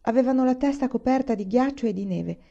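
A woman reading the lines of a calm, steady farmer father in a storybook, in a low, measured way. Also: creaky. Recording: muffled lo-fi recording.

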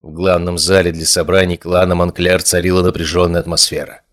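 A man narrating a first-person fantasy audiobook in a steady, measured storytelling manner. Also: low voice.

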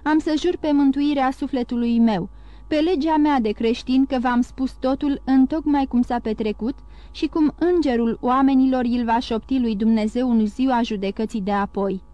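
A woman voicing a poor, excitable male innkeeper who exclaims fervently in an audiobook. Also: high voice, no echo, highs cut off, close to an everyday voice.

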